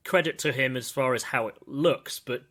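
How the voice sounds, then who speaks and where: Bright-voiced man hosting a podcast. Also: medium pitch. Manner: halting, many restarts, animated asides. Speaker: podcast host. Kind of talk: casual podcast chat.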